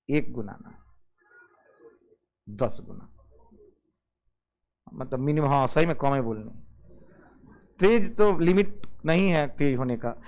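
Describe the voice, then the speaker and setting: High-voiced physics teacher. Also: male voice. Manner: keeps asking the class "yes or no?" and calling students "babu"; mixes English physics terms into Hindi. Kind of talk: classroom lecture.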